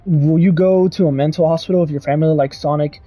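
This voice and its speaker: A young man streaming casually, reading chat and rambling excitably with lots of "dude" and "bro". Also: fairly high pitch, quick pace, lo-fi sound, faint music behind.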